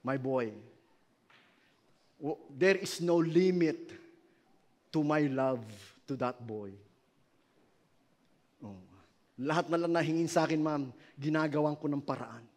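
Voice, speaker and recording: This is a middle-aged man with a Filipino accent delivering a sermon to his congregation. His voice sits high for a man. He swings between ringing emphasis and soft, personal asides. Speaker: pastor.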